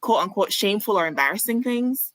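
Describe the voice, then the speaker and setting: A woman from Barbados, a physician guest on a podcast, explaining clearly and speaking candidly. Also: mid-range voice, animated, a little fast, fairly bright tone, no echo, rough recording. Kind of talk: conversational podcast interview.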